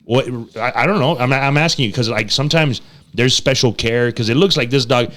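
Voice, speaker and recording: Host, man, slangy casual chat, mid-pitched voice. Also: a little fast, fairly bright tone. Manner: slangy, mixes Spanish words, coos at the dog in a high voice. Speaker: podcast host.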